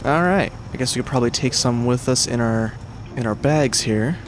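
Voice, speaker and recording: A man's voice: mid-range voice, normal speed, noisy background. A man giving casual let's-play commentary as a gaming creator, rambling and correcting himself, swearing when things go wrong. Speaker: gaming YouTuber.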